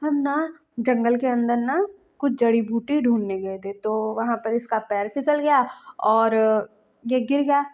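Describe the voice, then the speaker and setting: A woman's voice: fairly high pitch, a little slow, dull audio, lightly acted. A woman doing an exasperated lovestruck young man. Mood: earnest, protesting. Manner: pleading, protesting, casual slang.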